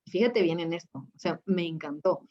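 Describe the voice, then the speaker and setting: A woman's voice: on the low side, normal speed, a little mellow, highs cut off. A woman who works as a spiritual coach, telling a personal story in an interview and acting out her own past reactions.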